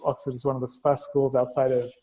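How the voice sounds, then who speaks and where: A tech investor and entrepreneur appears as a guest on a casual podcast, explaining ideas analytically and abstractly. His mid-range voice is mellow, monotone, and fast, trailed by a long reverb tail.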